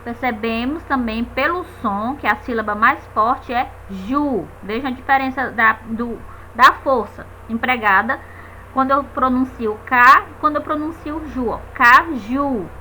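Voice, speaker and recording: A woman's voice: a little high, a little slow, bright, forceful tone, slight background noise, poor audio. A woman teaching a grammar lesson, patiently checking in with her students and stretching out the stressed syllables of example words.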